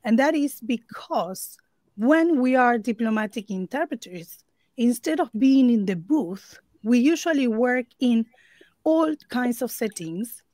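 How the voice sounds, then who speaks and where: A woman's voice: a little high, lively intonation, a little slow, a little mellow, dry recording. A woman from Argentina whose first language is Spanish, speaking English as an interpreter giving an earnest conference talk over a video call, with fillers and restarts.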